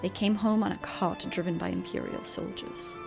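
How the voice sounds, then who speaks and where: A woman's voice: mid-range voice, wildly swooping pitch, normal speed, creaky, music in the background. A woman voicing a protective teenage boy from a video game, bitter and weary, with a grave, pleading delivery. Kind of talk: reading video game dialogue.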